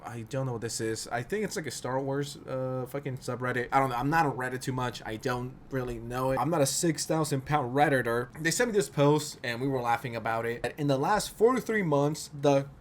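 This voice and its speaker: A man's voice: mid-range voice, steady tone, fairly quick, few pauses, slight background noise. A man talking as a YouTube commentary host in a casual, conversational, opinionated way, blunt and slangy with frequent swearing. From outside the United States.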